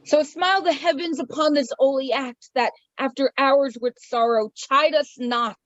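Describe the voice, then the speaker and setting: A woman's voice: high-pitched, moderate pace, fairly bright tone, no room sound, dull audio. A woman reading a solemn friar. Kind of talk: amateur Shakespeare reading.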